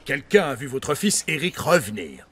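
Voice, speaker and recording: An actor dubbing a telenovela, playing a police officer who states facts formally. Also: male voice, medium pitch, sing-song, moderate pace, pushed and bright, husky, exaggerated voice. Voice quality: formal, matter-of-fact. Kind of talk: dubbed telenovela acting.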